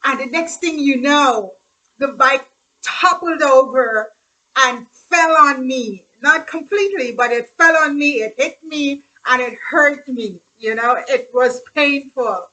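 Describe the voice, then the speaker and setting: A middle-aged Guyanese host with a Guyanese accent tells casual stories about her childhood, laughing now and then and repeating phrases as she chats. Her voice is high-pitched, slow and sharp, and the audio is poor.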